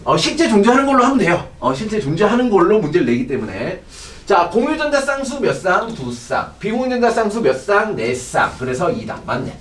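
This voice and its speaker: A man's voice: sits high, sing-song, brisk, hardly any pauses. A middle-aged man teaching a chemistry class, lecturing animatedly and checking in with his students constantly. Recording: echoey room, distant mic.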